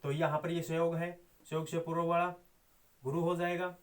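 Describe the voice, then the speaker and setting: Guy teaching sanskrit meter online, a bit high voice, patient, counts syllables out loud and chants the verse lines. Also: little pitch movement, normal speed. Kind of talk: online exam-prep lesson.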